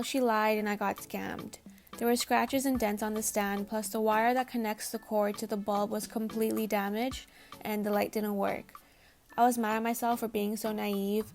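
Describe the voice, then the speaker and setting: Over faint background music, a DIY vlogger whose native language is Tamil delivers a scripted voice-over for her home makeover video. Her mid-range voice is creaky and a little mellow, and she speaks casually, chattily and self-deprecatingly.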